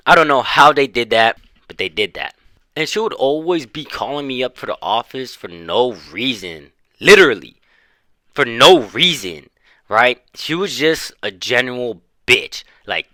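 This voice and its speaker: Casual storyteller: young man, bright forceful voice, dry close sound, slangy and profane. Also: mid-range voice, dry recording. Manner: slangy, profane, laughing while telling.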